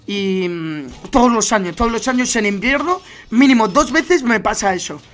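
A man's voice: sits high, normal speed. Slangy young man from Spain streaming. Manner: slangy, animated storytelling. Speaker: gaming streamer. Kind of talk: casual gaming stream chat.

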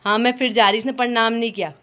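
A woman's voice: a little high, steady tone, rapid-fire, bright, forceful tone. A young woman, a mother, playfully coaxing and teasing her toddler at home in baby talk, laughing often. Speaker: mother and family vlogger.

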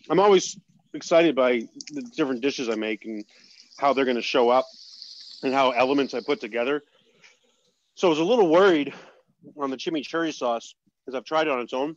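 A man's voice: medium pitch, muffled recording. A man hosting a casual cooking chat, talking between bites with loose restarts. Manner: chatty, talks while eating, trailing restarts. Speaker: host.

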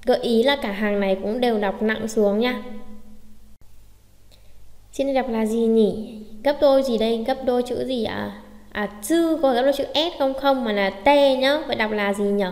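A woman's voice: on the high side, normal speed, a little mellow, roomy sound, in a large hall. A woman teaching a language lesson in a questioning, self-answering way, explaining how to read and type words. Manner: asks questions then answers them herself. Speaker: Japanese teacher.

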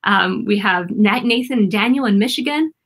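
A woman's voice: mid-range voice, normal speed, a bit bright. A woman in her thirties hosting a live-stream interview, upbeat and enthusiastic. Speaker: host.

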